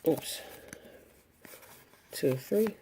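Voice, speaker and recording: A woman giving casual commentary as she opens trading card packs, listing each card one by one in an unhurried way. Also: mellow, a little hiss or hum. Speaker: card collector opening packs. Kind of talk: casual pack-opening commentary.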